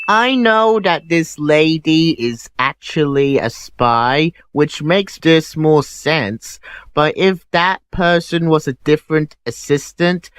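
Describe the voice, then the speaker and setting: A man's voice: on the high side, a bit bright, clean tone, dry recording. A man hosting a sarcastic commentary over clips, mocking what he sees. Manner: snarky, mocking, unhurried. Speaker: host.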